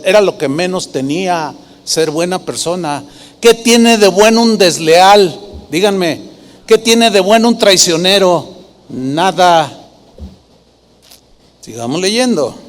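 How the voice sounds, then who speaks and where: Emphatic pastor preaching. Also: male voice, high voice, expressive, measured pace, big-room sound. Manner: emphatic, quizzes the congregation with rhetorical questions. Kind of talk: sermon.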